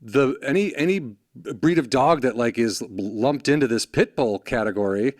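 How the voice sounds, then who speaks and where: A man's voice: medium pitch, normal speed, darkish tone, no room sound, studio quality. A man hosting a podcast, joking and chiming in with asides in casual conversation. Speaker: podcast host.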